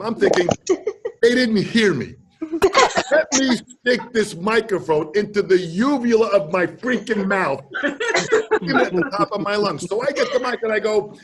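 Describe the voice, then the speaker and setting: An older man telling a story over a video call, shouting out quoted lines and mimicking other people's voices. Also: high voice, noisy background. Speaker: drum teacher telling stories.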